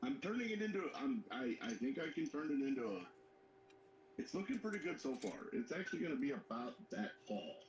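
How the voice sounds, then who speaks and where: A man's voice: medium pitch, sing-song, a little fast, muffled recording. A man co-hosting a live hobby show, making dry, joking remarks about his model. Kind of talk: casual chat. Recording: roomy sound with faint background noise.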